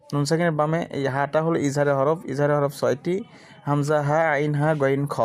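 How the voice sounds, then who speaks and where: A man teaching Quran reading, spelling out letters and vowel marks in a steady chant, and reciting verses in a slow, drawn-out style. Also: on the high side, creaky, slight background noise. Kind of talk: letter-by-letter tajweed lesson.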